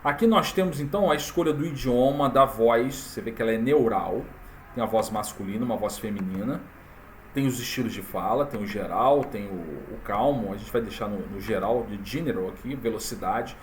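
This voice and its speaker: A man walking viewers through a software tutorial in a casual, chatty way, full of fillers and tag questions. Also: fairly low pitch, a little fast, a little hiss or hum. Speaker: tutorial presenter. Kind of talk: casual screen-recorded tutorial.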